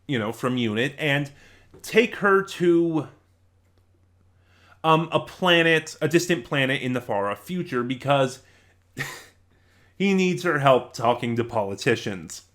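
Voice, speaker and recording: The reviewer behind the channel speaks in a mid-range, fairly bright voice. His review is casual and unplanned, drifting conversationally while he corrects himself mid-thought.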